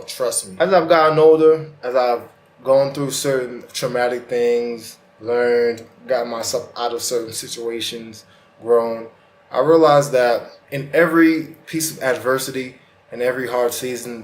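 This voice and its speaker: The host of a self-help vlog talks straight to the viewer in a casual, colloquial, earnest motivational monologue. His mid-range voice holds a steady tone at a moderate pace, the sound is roomy, and a retainer gives his speech a slight lisp and slur.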